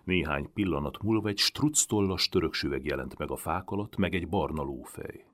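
A man narrating a storybook in a dramatic, expressive reading. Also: a bass voice. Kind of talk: audiobook reading of a historical novel.

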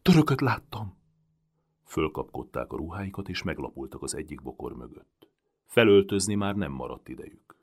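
A man narrating a storybook in a dramatic, expressive reading. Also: rumbling low. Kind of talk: audiobook reading of a historical novel.

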